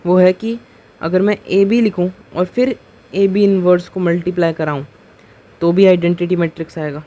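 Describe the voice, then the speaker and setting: A man's voice: sits high, fairly even intonation, warm tone. A man teaching maths, explaining a proof step by step. He keeps asking rhetorical questions and checking that students follow. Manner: patient and step-by-step, slowing on key terms. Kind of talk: board lecture explaining a proof.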